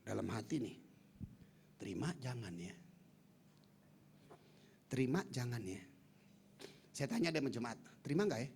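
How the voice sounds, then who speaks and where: A man preaching a lively, humorous sermon to his congregation, acting out the voices of the people in his stories and teasing the listeners. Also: medium pitch, brisk, creaky, a little hiss or hum. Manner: acts out quoted voices, playful asides to congregation. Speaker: pastor. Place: large church hall.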